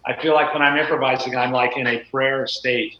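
A man's voice: mid-range voice, steady tone, brisk. A man guesting in an interview, reflective and storytelling, often saying "you know". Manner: reflective, storytelling, with frequent filler phrases. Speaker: guest, guitarist and teacher. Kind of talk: casual interview chat. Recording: roomy, dull lo-fi sound.

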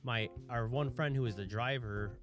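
A man's voice: medium pitch, moderate pace, music in the background. A man in his thirties from Michigan, co-hosting a casual podcast chat and retelling stories with animation. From Michigan, USA. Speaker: podcast co-host.

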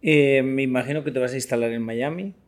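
A man's voice: mid-range voice, a little fast. A man interviewing a guest in casual conversation, asking short, curious questions.

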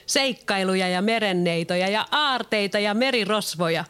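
Boastful eternal boy, bright and eager, voiced by the narrator. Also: medium pitch, clear, resonant tone, pitched above the performer's own voice, lightly acted. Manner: boastful, excitable. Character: boastful boy who never grows up.

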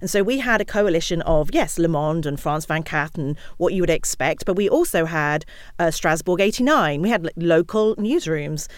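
A woman speaking as an interview guest, telling stories in an animated way and acting out what others said. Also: on the low side, no echo, clean studio sound. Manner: fast, animated storytelling with acted-out quotes. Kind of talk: conversational interview.

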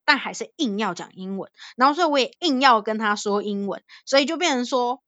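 Woman from Thailand, podcast co-host, casual animated storyteller, fairly high voice, dry close sound. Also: a little fast, no echo. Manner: animated, laughs often, acts out quoted voices.

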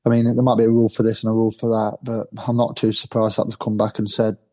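An English football fan chatting on a podcast, his voice mellow and warm with a flat, even delivery. He rambles and trips over repeated words, laughing easily as he talks. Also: lowish voice, fast. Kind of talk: casual fan chat.

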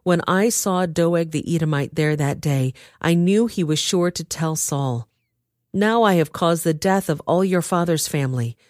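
A woman's voice: sits low, darkish tone, no echo, studio quality. A woman reading the part of a young male outlaw leader who speaks earnestly.

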